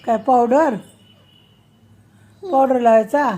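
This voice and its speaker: A woman's voice: high voice, takes it slowly, warm tone, slightly rough. A mother talking playfully with her toddler at home, coaxing and teasing her in a sing-song way. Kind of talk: casual talk with a toddler at home.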